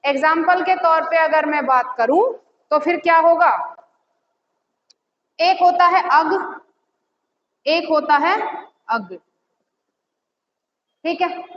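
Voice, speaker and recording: A woman teacher giving a lesson, asking questions and answering them herself, repeating key words slowly. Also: extremely high pitch, fairly bright tone. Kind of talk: classroom lesson. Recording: echoey, slightly dull audio with faint noise.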